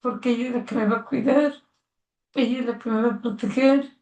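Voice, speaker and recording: Fairly high-pitched yet darkish, her voice is steady and fairly quick as this older Mexican-accented mother shares her life story with her son, who is interviewing her. She's sincere and moving, reenacting past conversations, recorded from a distance in a roomy space.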